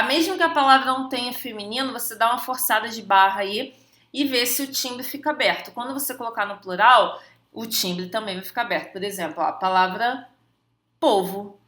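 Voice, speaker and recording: A woman's voice: on the high side, a bit bright, reverberant. A woman from Brazil teaching an online exam-prep Portuguese lesson, chatty and jokey, often checking in with her students.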